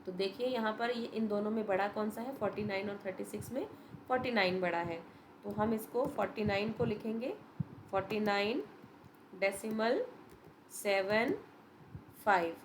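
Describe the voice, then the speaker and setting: Mixing Hindi and English at a moderate pace, a woman teacher patiently takes young students through a revision lesson one step at a time, addressing them as "beta." Her voice is medium-pitched, with noise in the background.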